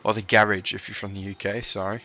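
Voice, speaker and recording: Male gaming commentator, casual let's-play chatter, lowish pitch, bright tense tone. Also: flat delivery, fast talker, a little hiss or hum. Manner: chatty, cheers on his drivers, jokey asides. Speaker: gaming YouTuber.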